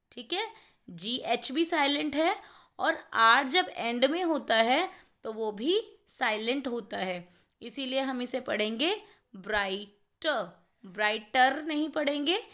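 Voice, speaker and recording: A woman's voice: high voice, bright, forceful tone. A woman teacher, patiently explaining a lesson to young children and spelling out words sound by sound. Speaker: primary school teacher.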